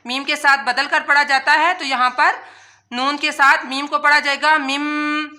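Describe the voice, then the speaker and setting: A woman teaching Quran recitation word by word, spelling out letters and then chanting each word slowly and drawn out, with quick explanations in between. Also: high-pitched, fairly even intonation, sharp tone. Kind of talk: tajweed lesson, word by word.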